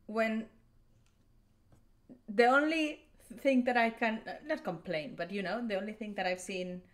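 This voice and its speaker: A woman's voice: a little high, a little slow. Chatty Spanish-accented woman reacting. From Spain. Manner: chatty, explaining with frequent restarts and small laughs. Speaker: reaction video host. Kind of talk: casual commentary.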